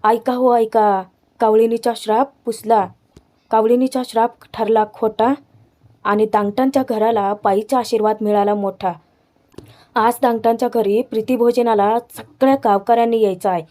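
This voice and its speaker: A woman reads an eccentric older patriarch calling out to the whole village, sing-song and proclaiming. The voice is mellow and fairly high. It is part of a narrated serial recap. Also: fairly even intonation, normal speed, close to an everyday voice.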